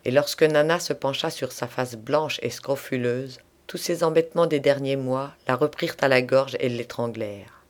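A man narrating a literary audiobook in a measured, expressive reading. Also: medium pitch.

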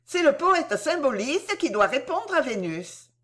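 A woman puts on a naive, playful young girl with a raised, bright and eager voice, in a spoken storybook reading. The figure sounds curious, pleading and quick to laugh off trouble, with lively swings in pitch. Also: exaggerated voice.

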